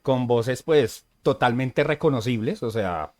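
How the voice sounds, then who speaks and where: A man co-hosting a casual podcast, chatty and easygoing, who often pauses on "eh" and checks in with "¿sí?". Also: medium pitch, darkish tone. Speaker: podcast co-host.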